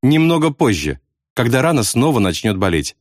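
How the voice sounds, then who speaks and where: A man's voice: medium pitch, moderate pace, dry recording, studio quality, natural voice. Man voicing a weary, kind pilot. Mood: reassuring. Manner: calm, reassuring. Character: weary, kind male pilot tending a wound.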